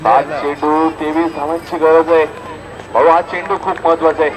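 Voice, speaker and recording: In a noisy outdoor recording full of crowd noise, a man with a fairly high voice speaks at normal speed with a flat delivery. He has a Maharashtrian accent and provides live commentary and announcements at a local cricket tournament, calling the play emphatically and restating the score.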